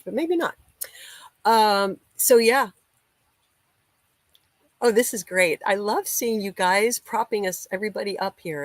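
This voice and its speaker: An American woman hosts a casual livestream, talking easily and greeting viewers by name as their comments come in. Her voice sits a little low. The sound is dry and close, with no room echo. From United States. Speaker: musician hosting a livestream. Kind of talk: casual live-chat hosting.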